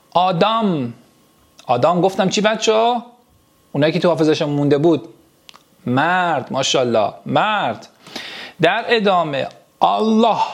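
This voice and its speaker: A man teaching a language lesson, slowly repeating each sound and word so his students can copy him, and speaking to them fondly and directly. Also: sits high, creaky. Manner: slow, repeats each sound and word several times for drilling; addresses the class directly and affectionately. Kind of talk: pronunciation lesson for beginners.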